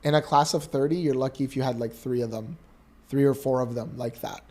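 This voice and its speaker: A man co-hosting a casual podcast, telling lively stories and acting out voices. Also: medium pitch, brisk. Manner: animated storyteller, acts out voices. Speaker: podcast co-host. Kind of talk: casual chat.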